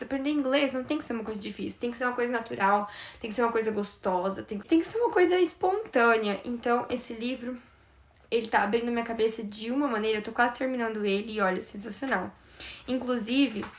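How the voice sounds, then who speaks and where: Young brazilian woman vlogging, kinda high voice, creaky gravelly texture, excited chatty teacher vibe. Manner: chatty, enthusiastic, many fillers. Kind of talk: casual explanatory vlog.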